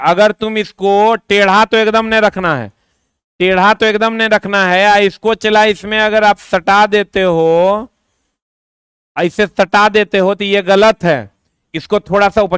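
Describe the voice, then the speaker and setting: A teacher with a high-pitched, fairly bright voice coaches students for an exam, chatting, repeating himself and dropping quick asides. The sound is smooth, clear, close and dry, with no room sound.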